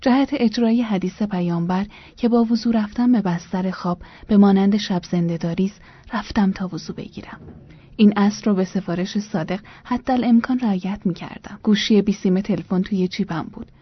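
A woman reading a first-person memoir aloud in a soft voice that often drops almost to a whisper. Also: mid-range voice, breathy edge, dull audio. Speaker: narrator.

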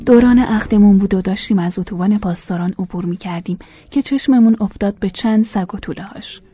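A woman reading a first-person memoir aloud in a soft voice that often drops almost to a whisper. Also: mid-range voice, highs cut off, faint music behind. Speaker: narrator.

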